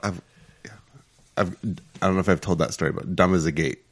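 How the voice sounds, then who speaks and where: A man's voice: low voice, steady tone, a little fast, breathy edge. A man co-hosting a casual chat, playful, trailing off and laughing often. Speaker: co-host.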